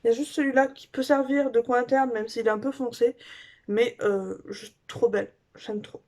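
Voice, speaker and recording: A woman beauty vlogger chatting casually through a makeup haul review, gushing and filling pauses with little fillers. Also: a little high, steady tone, a little mellow.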